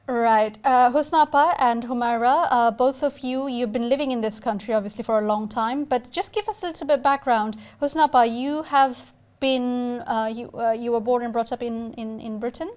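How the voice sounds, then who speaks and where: A woman's voice: a little high, fairly even intonation, normal speed, few pauses, darkish tone. A woman from Bangladesh hosting a TV discussion show, speaking hesitantly with many fillers and restarts as she talks to guests on a video call. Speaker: TV talk show host.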